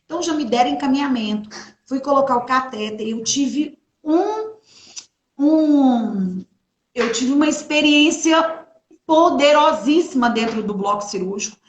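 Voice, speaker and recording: A young woman telling an emotional faith testimony in a live chat, animated, quoting the people she met along the way. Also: high voice, measured pace, echoey room. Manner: animated storyteller, quoting others in her retelling. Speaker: guest sharing her testimony.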